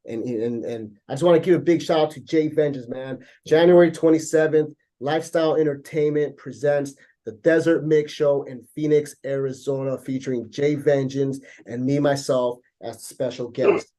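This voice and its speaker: A man's voice: mid-range voice, steady tone, moderate pace, hardly any pauses, dark tone. A laid-back man from Chicago, a guest in a casual interview, who keeps dropping "man" and "bro".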